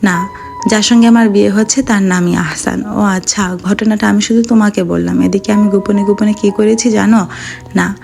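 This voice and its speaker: Gravelly-voiced woman reading a story. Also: mid-range voice, steady tone, moderate pace, a little mellow. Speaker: audiobook narrator. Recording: faint background music.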